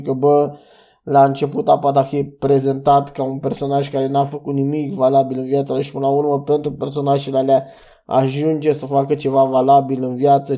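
A man's voice: mid-range voice, mellow. A young man hosting a solo podcast, reviewing cartoon episodes in a loose, rambling way with restarts and fillers. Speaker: podcast host.

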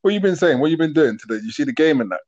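A man's voice: a little high, lively intonation, very fast, darkish tone. A man in his thirties with a London roadman accent, chatting casually and matily in street slang as a podcast host. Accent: London roadman, urban slang. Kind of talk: casual chat. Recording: dull, band-limited voice call audio.

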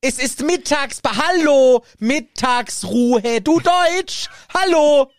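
Guy doing a squeaky bossy german housewife, broken loud foreigner-talk, swoops all over. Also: lively intonation, slow, no echo, full character voice. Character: shrill stern German housewife woman, bossy.

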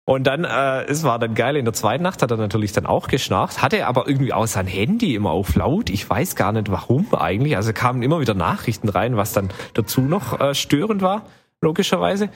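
A man's voice: medium pitch, big pitch swings, fairly quick, a little hiss or hum. A man telling a long travel story in casual chat, rambling with many fillers. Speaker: podcast co-host telling travel stories.

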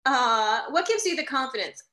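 A woman's voice: high voice, expressive, normal speed, bright, forceful tone. A woman co-hosting a radio interview show in a conversational style. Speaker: radio co-host.

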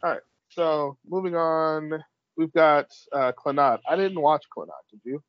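A man's voice: fairly high pitch, a little slow, no echo. Blunt, wry man on a lo-fi podcast. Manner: blunt, wry, swears casually. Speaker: podcast co-host. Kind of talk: casual chat, reading list entries aloud. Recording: dry, dull lo-fi sound.

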